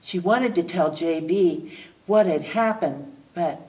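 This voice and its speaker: A woman librarian reading a picture book aloud at storytime, expressive, with small slips she corrects as she goes. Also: on the low side, slow, far from the mic, poor audio.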